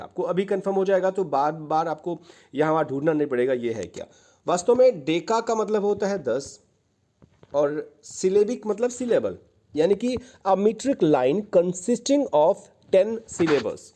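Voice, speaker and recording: A man's voice: fairly high pitch, mellow. A male teacher giving an exam-prep lecture, patiently explaining and repeating key points, mixing English terms into his Hindi. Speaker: literature teacher.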